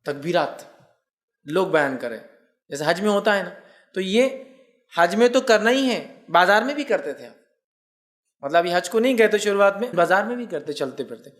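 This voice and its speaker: A man giving a religious lecture, slowly explaining points, reciting Arabic phrases and urging his listeners with repeated reminders. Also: high voice, lively intonation, a bit bright. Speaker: Islamic preacher.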